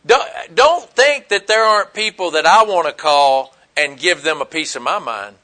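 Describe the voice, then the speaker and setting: A man delivers a folksy sermon in a high, bright voice. He talks plainly and with emphasis, leaping up in loudness on his key points and dropping low for quieter asides. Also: expressive, normal speed. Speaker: preacher.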